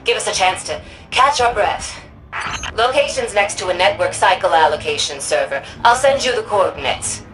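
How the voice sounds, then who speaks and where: An actress playing an authoritative, wry older female city administrator in a sci-fi game, delivering scripted mission dialogue in a crisp, commanding manner. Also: medium pitch, lively intonation, moderate pace, natural voice, poor audio. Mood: brisk, businesslike.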